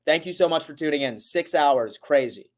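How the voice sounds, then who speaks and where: A man hosting a casual sports livestream, talking to his viewers in a hurried, urgent way. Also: on the high side, animated.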